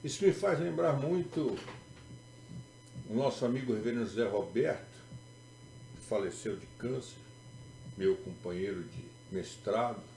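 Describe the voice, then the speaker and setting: A man's voice: medium pitch, measured pace, gravelly, pauses often, a little mellow, slight background noise. A Brazilian man with a Brazilian accent preaching a sermon as a pastor, emphatic and repetitive, with sarcastic turns. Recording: echoey room with faint music.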